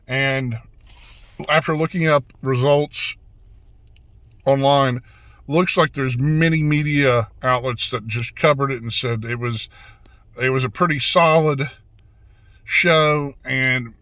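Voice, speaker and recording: A man with a drawl talks in a relaxed, rambling way, full of fillers and restarts, with hiccups breaking in. His voice sits at a middle pitch. The recording is dry and close, with no room sound. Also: takes it slowly, long pauses, no echo. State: has the hiccups. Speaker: wrestling channel host. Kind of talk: casual video review.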